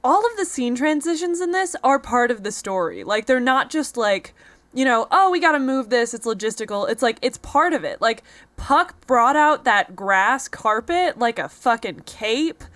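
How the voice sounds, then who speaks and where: A woman hosting a podcast in casual chat, excitable and playful. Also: on the high side, unhurried.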